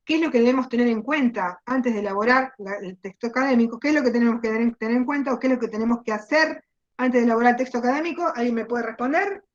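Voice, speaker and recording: A woman's voice: fairly high pitch, fast. A woman with an Argentine accent, a university teacher giving an online class, explaining patiently and asking the students questions. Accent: Rioplatense Spanish. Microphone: computer mic on a video call. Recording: dull lo-fi video call audio.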